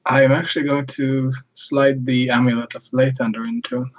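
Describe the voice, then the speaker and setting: A man playing his character in a tabletop game, with a calm, dry, measured way of speaking and a husky voice. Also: medium pitch, highs cut off. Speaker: player.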